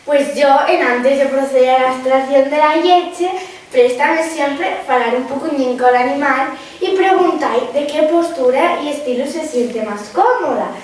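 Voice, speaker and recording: A woman's voice: high voice, unhurried. A woman with an Asturian accent playing an earnest, easily hurt countrywoman in a comic stage interview. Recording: very echoey hall, distant, faint noise.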